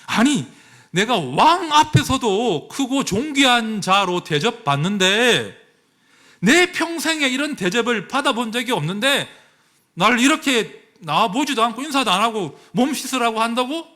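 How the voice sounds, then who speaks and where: A man's voice: very high voice, sing-song, normal speed, sharp tone, voice pushed up, exaggerated voice. A male pastor voicing a proud, indignant army general during a sermon. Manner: boastful, affronted.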